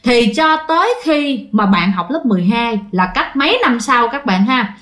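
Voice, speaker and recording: A woman's voice: fairly high pitch, animated, normal speed, a bit bright. A woman with a Southern Vietnamese accent narrating ghost stories in a chatty way, talking straight to her listeners. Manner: chatty, addresses listeners directly. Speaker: storyteller.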